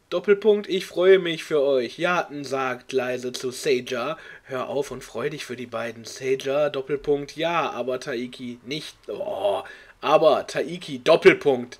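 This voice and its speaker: A man hosting a comedic read-along, reading a clumsy fan story aloud and mocking it with exasperated jokes, sometimes squeaking into high voices for characters. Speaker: video host.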